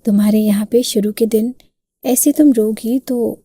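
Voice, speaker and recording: A woman voicing a smug young husband who calmly lectures and coaxes his upset wife in a story. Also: a little high, close to an everyday voice. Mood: coaxing.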